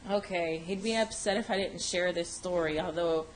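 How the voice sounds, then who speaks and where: A woman telling a funny story to a group, animated and laughing, acting out the quotes. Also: normal speed. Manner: animated, laughing, acts out quotes with big pitch jumps. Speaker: mourner sharing a story at a funeral gathering. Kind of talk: casual storytelling. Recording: echoey room with background noise.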